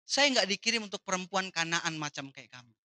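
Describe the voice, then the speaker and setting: A woman's voice: on the low side, expressive, brisk, sharp tone, no room sound, clean studio sound, voice pushed down. A woman preacher quoting a stern man who turns away a pleading woman, said firmly and dismissively. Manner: firm and dismissive.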